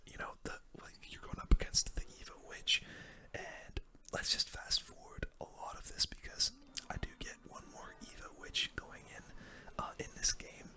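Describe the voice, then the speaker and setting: The host of a gaming video comments on his or her own play in a soft, breathy whisper. It's relaxed, conversational ASMR commentary.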